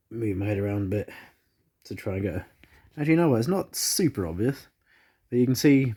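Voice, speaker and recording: A man with a darkish voice on the low side talks casually to his phone camera at home in his living room. Lingering congestion from the flu is audible. He rambles, using many fillers and restarting often.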